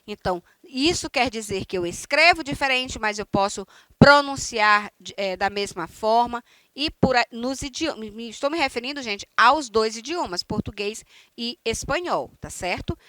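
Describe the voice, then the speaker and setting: A woman's voice: a little high, lively intonation, normal speed, bright, forceful tone, no echo. A woman from Brazil teaching a recorded online lesson, explaining step by step and often checking in with her students. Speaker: Spanish teacher.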